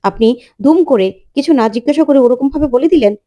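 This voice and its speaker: A woman's voice: fairly high pitch, fast talker, close to an everyday voice. A woman voicing a furious, defiant teenage girl, reading her lines sharply and indignantly in a serial retelling. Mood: angry, shouting. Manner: sharp, indignant, rising to shouts.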